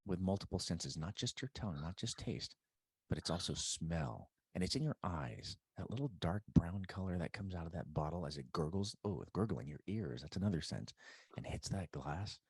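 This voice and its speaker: A laid-back podcast host, a man with a low, deep voice who trades teasing banter with his guest. The sound is dry and close, with no room around it. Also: lively intonation, moderate pace, darkish tone, slightly rough, dry recording. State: married. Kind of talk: casual podcast chat.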